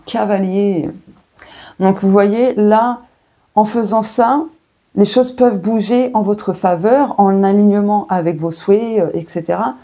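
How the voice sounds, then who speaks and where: A French woman gives a casual oracle card reading to her viewers, thinking aloud and filling pauses as she turns each card. Her voice is dark and mellow, with a husky, slightly breathy edge. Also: medium pitch. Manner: chatty, thinks aloud with many fillers and self-asides. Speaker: tarot and oracle card reader.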